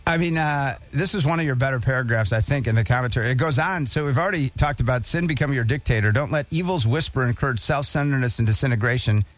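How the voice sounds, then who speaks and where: A man's voice: mid-range voice, fast talker, few pauses. A male radio host in chatty, joking conversation, reading passages aloud and breaking in with asides. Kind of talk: casual radio chat.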